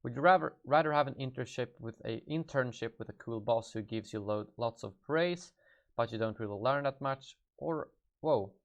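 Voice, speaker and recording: Over dull audio, a young man from Sweden who makes gaming videos on YouTube speaks at normal speed in a mid-range voice with a Swedish accent. He reads out questions from live-stream viewers and responds spontaneously, musing aloud with an offhand, hesitant manner.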